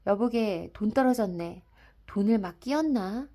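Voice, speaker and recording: A mild, sensible drinking companion speaks in calm, plain tones, as read by a woman. The voice stays mellow and warm, close to her own reading voice. He sounds steady and level-headed in this storybook scene. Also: medium pitch, a little slow. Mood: mild concern. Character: cautious middle-aged male drinking friend, mild and sensible. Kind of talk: dramatic audiobook reading.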